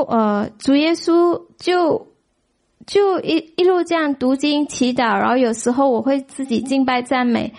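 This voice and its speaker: Woman sharing a church testimony, high voice, animated, exclaims a lot. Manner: animated, exclaiming, many fillers. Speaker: church member giving testimony. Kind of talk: emotional personal testimony.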